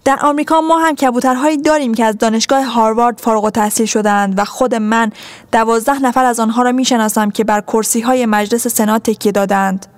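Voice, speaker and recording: A woman voicing an indignant, excitable male tourist in a storybook reading. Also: a little high, no echo, lightly acted. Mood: shouting. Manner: indignant outbursts.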